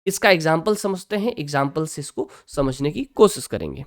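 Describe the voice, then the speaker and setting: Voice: mid-range voice, expressive. Patient teacher with frequent check-ins. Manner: checks in often with short confirming asides; spells out English terms slowly, syllable by syllable. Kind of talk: online lecture.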